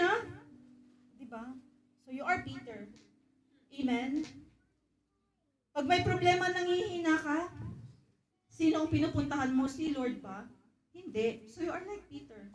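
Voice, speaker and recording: A woman with a high voice preaches in mixed Tagalog and English. She keeps calling out to the congregation for an amen. The room around her sounds echoey and reverberant. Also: a little mellow. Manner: calls out "Amen?" and "Glory to God" to the congregation, acts out quoted voices. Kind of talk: Taglish sermon.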